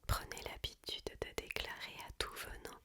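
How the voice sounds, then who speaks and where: A woman reads a book aloud as ASMR in a hushed, unvoiced library whisper, phrasing each sentence with care. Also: moderate pace. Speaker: ASMR reader.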